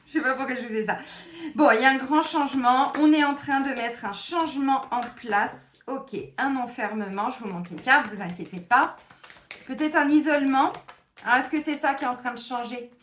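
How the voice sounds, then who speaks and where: A woman's voice: high voice, normal speed, fairly bright tone, reverberant. A woman doing a casual weekly card reading, a therapist who chats directly to her viewers with many fillers. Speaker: tarot card reader and therapist.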